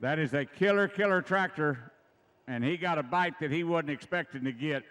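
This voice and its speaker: A man's voice: fairly high pitch, moderate pace, a bit bright. A middle-aged American man giving live event commentary as a tractor pull announcer in a folksy, emphatic way, repeating himself for effect.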